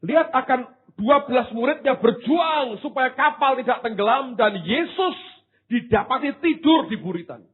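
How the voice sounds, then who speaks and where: A man preaching a sermon, swinging from hushed asides to loud exclamations, with casual slang jokes. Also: very high voice, animated, moderate pace, breathy edge. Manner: drops into casual Javanese-flavoured slang for humour. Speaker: pastor. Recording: tinny phone-like sound.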